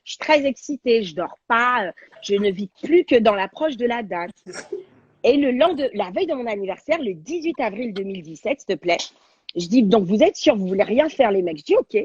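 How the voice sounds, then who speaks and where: A woman, a guest on a talk show, telling a personal story in an animated, slangy, dramatic way over a video call. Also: fairly high pitch, moderate pace, husky, no room sound, dull audio. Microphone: video call on a livestream.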